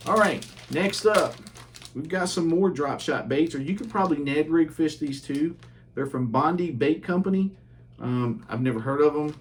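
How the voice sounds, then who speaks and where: A man hosting his fishing channel, casually reviewing baits at home in a relaxed, chatty way with lots of ums and uhs. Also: medium pitch, a little hiss or hum.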